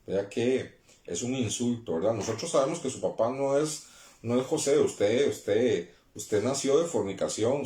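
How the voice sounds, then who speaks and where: A man's voice: on the low side, darkish tone, echoey room. A man preaching a sermon as pastor, reading scripture aloud with emphatic rises in his voice.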